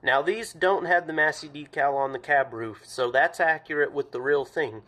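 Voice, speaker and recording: A man's voice: a little high, normal speed, pushed and bright. A man giving a casual show-and-tell review of a farm toy, plain-spoken and thinking aloud with frequent ums and self-corrections.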